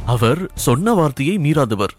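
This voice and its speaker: A man voicing a calm, self-assured young woman who answers her father firmly and evenly. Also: mid-range voice, moderate pace, soft background music, natural voice. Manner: firm, composed replies.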